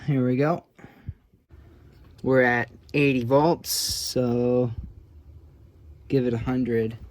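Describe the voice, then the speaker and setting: A hobbyist restorer presents a repair, narrating his hands-on work casually and thinking aloud a little hesitantly. His mid-range voice has fairly even intonation and drawn-out words.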